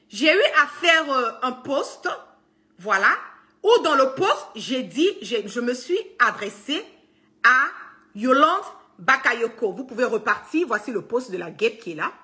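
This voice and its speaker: A woman with a fairly high, sharp, forceful voice talks straight to her followers in a casual video. She is insistent and emphatic, hammering her points again and again. She often trips, restarts and leans on filler words. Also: big pitch swings, unhurried. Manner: heavy use of fillers and restarts. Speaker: online political commentator.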